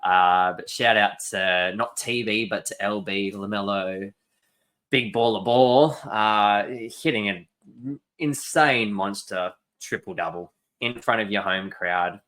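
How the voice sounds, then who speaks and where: Deep, bright-toned young man. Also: slow. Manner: enthusiastic, joking. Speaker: podcast co-host. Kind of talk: casual podcast chat.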